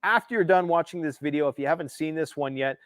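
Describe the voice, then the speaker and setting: A man's voice: on the high side, quick pace, no room sound. A Canadian man hosting a political livestream, ranting emphatically and sarcastically about world events. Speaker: livestream host.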